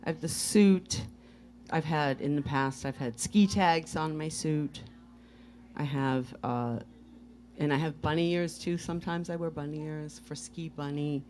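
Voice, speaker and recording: A woman guest, a band's frontwoman, chatting playfully in a relaxed interview, often trailing off. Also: low voice, unhurried, slight background noise. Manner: playful, rambling, trailing off softly. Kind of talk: casual interview chat. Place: music bar.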